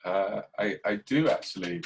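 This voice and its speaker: An English man hosting a podcast, talking in a casual, reflective way and keeping a dry, even tone even when he jokes. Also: on the low side, moderate pace, vocal fry, slight background noise, rough recording. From England. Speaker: podcast host. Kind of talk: casual conversation.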